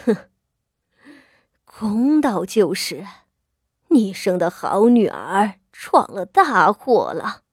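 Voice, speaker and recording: A woman voicing an elderly, harsh matriarch who scolds slowly and coldly. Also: medium pitch, big pitch swings, husky, no room sound, clean studio sound, full character voice. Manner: slow, cold, scolding.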